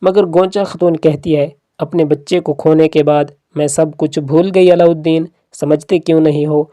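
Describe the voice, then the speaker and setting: A narrator steadily recounting a drama episode, folding the characters' dialogue into the retelling as plain quotes. The voice is mellow and soft-edged, recorded close and dry with no room sound. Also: mid-range voice, fairly even intonation, no echo. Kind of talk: plot recap narration.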